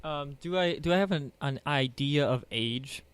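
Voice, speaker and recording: A man's voice: on the high side, normal speed, smooth. Man playing a tabletop game, playful. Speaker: player. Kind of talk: casual tabletop game play.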